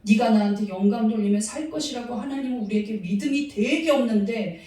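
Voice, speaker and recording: A woman preaching a sermon in a fairly high voice, pressing her listeners with earnest rhetorical questions. The sound is very echoey, like a big church hall, and she sounds some distance from the mic. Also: brisk, warm tone. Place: church sanctuary.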